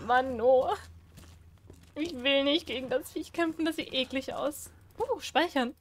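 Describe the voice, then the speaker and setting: A woman's voice: high voice, measured pace. A woman giving casual let's-play commentary, chatty and jumpy, pleading and squealing when scared. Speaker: gaming streamer.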